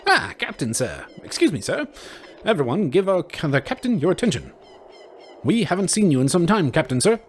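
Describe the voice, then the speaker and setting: A man's voice: on the high side, big pitch swings, fairly quick, a little hiss or hum, voice pushed up. A man voicing an eager, deferential undead skeleton soldier from a video game in a put-on skeleton voice.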